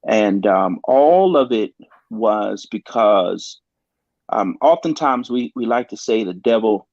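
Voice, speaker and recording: A pastor recounts a personal story in an earnest, halting way, stopping often on ums. His voice sits low. The sound is dull and dry, like a lo-fi talk-show recording. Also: lively intonation, a little mellow, dry recording.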